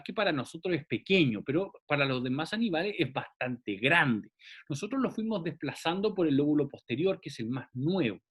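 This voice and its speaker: A man's voice: on the high side, husky. A man teaching a classroom anatomy lecture, explaining step by step and often checking in with the class.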